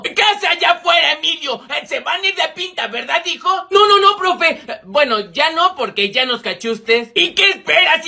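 A man with a Mexican accent acting out school comedy skits, playing many characters with lively, slangy banter. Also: extremely high pitch, creaky. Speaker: comedy skit creator.

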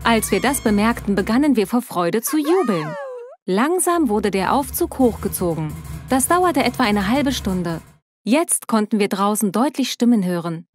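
A woman's voice: medium pitch, animated, moderate pace, faint music behind. A young woman telling a first-person story in dramatic, emotive scripted narration on a close mic.

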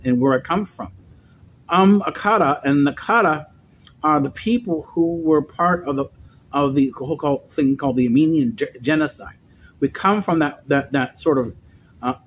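A man's voice: a little high, darkish tone, slight background noise. A middle-aged man vlogging in a rambling, lecturing monologue, often restarting and repeating words, recorded on a webcam in a dim indoor room.

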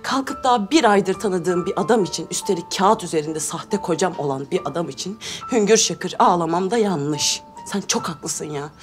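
A woman's voice: lowish voice, expressive, moderate pace, hardly any pauses, soft background music, lightly acted. An actress playing an anxious wife who reproaches her husband with bitter sarcasm. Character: anxious wife, strained nerves. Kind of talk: TV drama acting.

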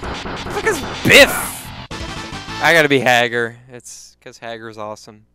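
Drunk man yelling at a game. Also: medium pitch, wildly swooping pitch, moderate pace. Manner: profane, rowdy, laughing, shouting at the game. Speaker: gameplay commentator. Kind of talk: drunk let's-play commentary. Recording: game music behind the voice. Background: video game music.

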